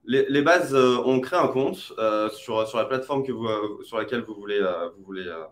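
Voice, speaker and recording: A man's voice: lowish voice, normal speed. A man, an advertising expert, explaining online advertising in a webinar, hesitant with many fillers and restarts. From France.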